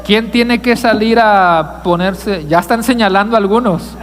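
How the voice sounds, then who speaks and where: High-voiced pastor preaching in a reverberant church. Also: male voice, a little slow, a bit bright, slight background noise. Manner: asks the congregation questions, jokes with listeners. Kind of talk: sermon. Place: church sanctuary.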